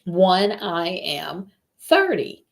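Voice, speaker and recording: A woman hosting a live podcast as a life coach, giving a motivational talk. She speaks deliberately, repeats phrases for emphasis and checks in with the listener directly. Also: lowish voice, very animated, creaky.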